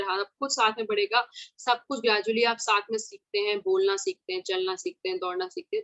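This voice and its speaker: A woman teaching an informal exam-prep lesson, mixing Hindi with English terms and slowly spelling words out. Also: mid-range voice, fairly bright tone, no echo, low-quality recording. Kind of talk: online exam-prep lecture.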